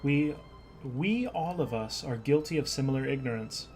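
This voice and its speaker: A man's voice: mid-range voice, lively intonation, normal speed, darkish tone, faint music behind, natural voice, low-quality recording. A man reading aloud the lines of an earnest young male noble scholar from a game, in a plain voice with small stumbles.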